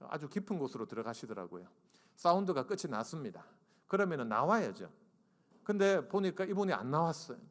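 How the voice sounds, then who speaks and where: A man in his forties preaches in a church hall with a long reverb. He tells stories with a lively, wide-ranging pitch. He acts out dialogue and asks the congregation to raise their hands. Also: a little fast. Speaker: guest preacher and seminary professor. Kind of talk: humorous storytelling sermon. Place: church sanctuary.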